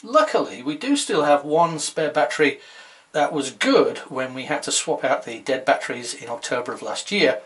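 Medium-pitched with a bit of brightness and a breathy edge, this man walks viewers through boat jobs step by step in his own maintenance vlog. Shot on a handheld action camera on his sailboat and next to its hull in a boatyard, his narration is chatty and matter-of-fact.

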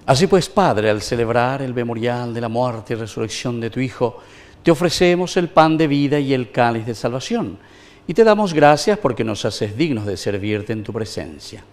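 Inside a small wood-paneled chapel, a middle-aged priest from Paraguay solemnly and measuredly recites the Mass prayers. His voice is mid-range, with lively intonation.

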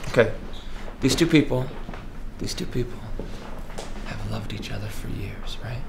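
A man plays a frazzled film director who pleads with his actors and then snaps into loud yells. His pitch is ordinary, and clear room noise hangs around the voice. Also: quick pace, lightly acted. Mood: earnest. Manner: pleading, then bursts into shouting. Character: harried male film director. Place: indoor studio classroom. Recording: noisy room ambience.

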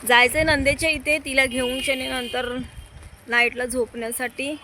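A woman's voice: sits high, flat delivery, normal speed, noisy background. A young woman vlogging outdoors at night on a handheld phone, chatting to viewers and coaxing and scolding her small child. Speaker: vlogger and mother. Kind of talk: casual vlog talk to viewers and her child. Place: outdoors on city streets at night.

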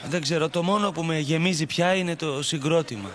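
A man dubbing a downcast, broke young man who apologizes haltingly in a TV drama. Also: fairly high pitch, fairly bright tone, slight background noise, close to an everyday voice. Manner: hesitant, downcast. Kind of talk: dubbed teen TV drama. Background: faint background score.

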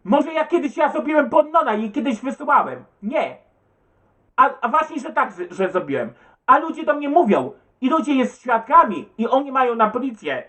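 A man's voice: very high-pitched, sing-song, moderate pace, pushed and bright. A man who answers viewer comments in an agitated, stumbling rant, swearing and repeating himself. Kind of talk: rambling webcam rant.

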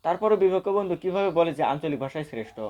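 Fast formal male debater. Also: high-pitched, dull audio. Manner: formal, lecturing, counts off figures.

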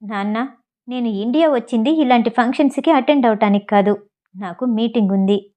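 A woman's voice: on the high side, a little fast, warm tone, natural voice. Vishal, a woman reading a grieving young husband. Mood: bitter.

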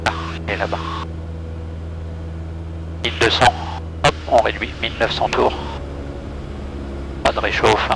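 A man's voice: lowish voice, little pitch movement, a little slow, creaky, long pauses. A male pilot talking through terse checks in a small aircraft cockpit. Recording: cockpit audio, loud engine noise. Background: aircraft engine noise.

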